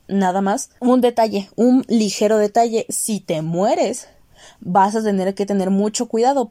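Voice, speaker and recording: A young woman with a Mexican accent rants through a casual vlog review, swearing freely and jumping up into sudden high outbursts. Her voice is dark and mellow, recorded dry and close with no room sound. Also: no echo. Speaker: series reviewer.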